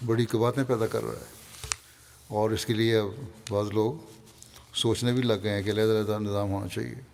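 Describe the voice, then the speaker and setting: A man with a Pakistani Urdu accent delivering a Friday sermon, calmly reading and explaining quoted passages. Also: lowish voice, vocal fry, long reverb tail, a little hiss or hum. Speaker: religious leader giving a Friday sermon.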